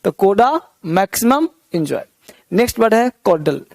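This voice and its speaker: High-voiced Indian man teaching vocabulary. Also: big pitch swings, normal speed, vocal fry, dry recording. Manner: repeats words with rhymes and memory tricks, asks the class questions. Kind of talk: vocabulary lesson.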